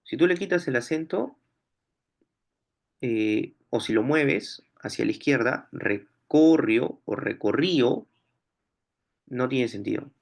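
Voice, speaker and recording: A man teaching a lesson, reading out exam questions and then reasoning through each option aloud. His voice sits at an ordinary middle pitch, and he speaks in a patient, explanatory way, often asking questions and answering them himself. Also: a little slow, gravelly. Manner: explanatory, thinks aloud while solving. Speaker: language teacher.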